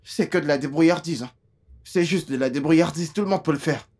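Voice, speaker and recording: A sponging young male student, voiced by a woman in a film dub, whining his excuses. The voice sits low and husky. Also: brisk, darkish tone. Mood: pleading. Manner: whiny, pleading excuses.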